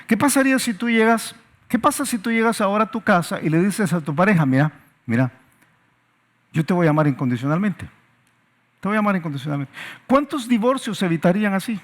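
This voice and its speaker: A male pastor preaching a sermon with emphatic repetitions and rhetorical questions. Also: sits high.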